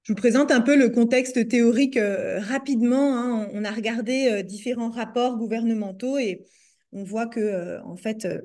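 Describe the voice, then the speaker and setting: Over a video call, a French-accented woman from France presents her doctoral research to a group in an academic talk. She has a mid-range, warm voice and often falters with fillers and restarts.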